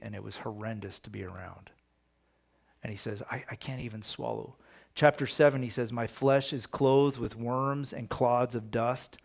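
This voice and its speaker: A man's voice: on the low side, creaky, slightly rough. A man leading a casual Bible study, talking conversationally and reading scripture aloud with emphasis. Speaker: pastor.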